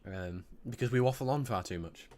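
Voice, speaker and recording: A man hosting a casual podcast chat, talking in a loose and rambling way. His voice sits a little on the low side and he drifts from one thought to the next. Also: brisk, a little mellow. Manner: rambling, chatty. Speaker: co-host.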